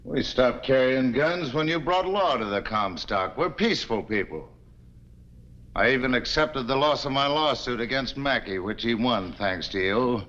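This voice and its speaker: A man's voice: medium pitch, lively intonation, moderate pace, fairly bright tone, lightly acted. A blunt, accusing townsman, played by a man, stern and unfriendly. His voice sits on a muffled vintage TV soundtrack. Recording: dull 1950s TV soundtrack.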